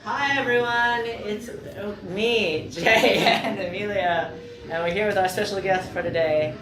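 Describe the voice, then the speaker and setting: A woman's voice: mid-range voice, a little slow. A woman co-hosting a casual dance podcast, asking playful, teasing questions. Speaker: podcast co-host. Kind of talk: casual interview chat. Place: dance studio room. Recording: echoey room with music behind.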